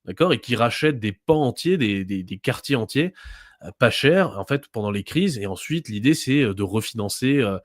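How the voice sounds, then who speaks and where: A man's voice: medium pitch, expressive, normal speed, dry recording, clean studio sound. A man, a guest explaining property markets in a casual talk. He restarts often and keeps checking in with his listener. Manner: explanatory, many fillers and restarts, checks in with "d'accord". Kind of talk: conversational explanation.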